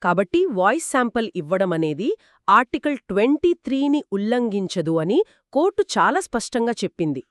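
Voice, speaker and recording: This explainer co-host is a woman with a fairly high, sing-song voice, taking part in a scripted legal discussion for two. She explains with confidence at a moderate pace, and the studio recording is clean and dry.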